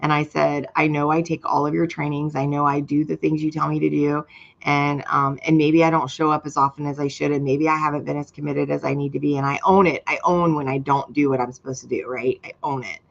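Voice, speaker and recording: A woman's voice: low voice, level tone, brisk, gravelly, lo-fi sound. A woman in her fifties giving an earnest, emotional testimonial, speaking straight to her viewers. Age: 50s. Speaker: program member sharing her story. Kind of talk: candid personal testimonial.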